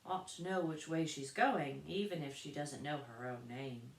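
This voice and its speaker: A woman voicing a gentle older gentleman who speaks slowly and softly, almost in a whisper. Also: deep voice, reverberant, distant mic. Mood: confiding. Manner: slow, soft, confiding.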